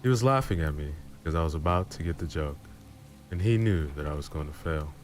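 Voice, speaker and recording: Deep-voiced male horror story narrator. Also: lively intonation, fairly quick, a little mellow, slight background noise.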